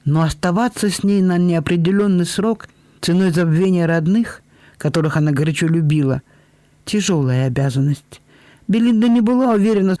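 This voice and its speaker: A man narrating a novel aloud in an even, measured storytelling manner. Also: on the high side, no echo. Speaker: audiobook narrator. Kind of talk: scripted narration.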